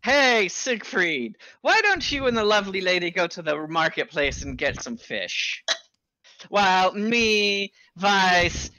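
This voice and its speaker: A player speaking in character during a tabletop game, animated and theatrical. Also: mid-range voice, slow pace, no echo.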